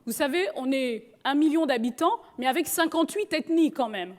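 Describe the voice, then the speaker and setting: A woman's voice: sits high, lively intonation, normal speed. A woman from Gabon, telling her life story with humor. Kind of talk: personal storytelling talk.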